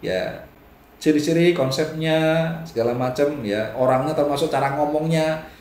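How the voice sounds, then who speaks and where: A man coaching a live online audience, reading out their comments, laughing often and mimicking other people in a higher voice. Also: normal speed, darkish tone, a little hiss or hum. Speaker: business coach. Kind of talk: live-stream talk answering viewer comments. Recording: roomy echo.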